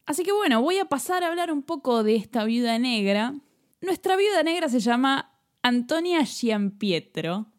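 Here a woman's high, sing-song voice moves at ordinary speed. Co-hosting a true-crime podcast in an Argentine Spanish accent, she walks through a case conversationally, often laughing and starting sentences over.

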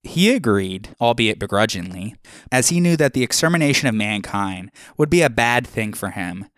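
A man hosting a podcast, telling old myths as steady scripted narration with small asides to listeners. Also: on the low side, normal speed, no echo, clean studio sound. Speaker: podcast host.

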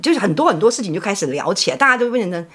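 Lively fast-talking woman in her fifties. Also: mid-range voice, husky. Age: 50s. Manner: animated, acts out quoted phone calls. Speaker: podcast co-host telling her own story. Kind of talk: casual storytelling chat.

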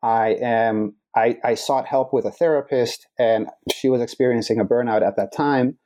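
Speaking as a podcast guest, a man from the Netherlands in his forties tells his life story reflectively, earnest and measured, often pausing and starting over. He has a medium-pitched, steady, dark voice.

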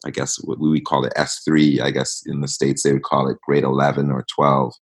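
Raised in East Africa, this man in his thirties has an extremely low, monotone voice with a slight roughness. As a guest in a casual interview, he tells his story reflectively and without hurry, relying heavily on fillers.

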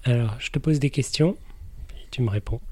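A man's voice: medium pitch, fairly quick, darkish tone, a little hiss or hum. A man hosting a podcast in a casual, explanatory chat, laughing now and then at his own remarks. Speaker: podcast host.

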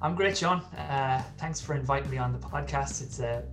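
A man's voice: mid-range voice, normal speed, music in the background. A man around thirty with a west of Ireland accent, telling personal stories as a guest in a casual interview. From Galway, west of Ireland. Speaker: podcast guest, football fan.

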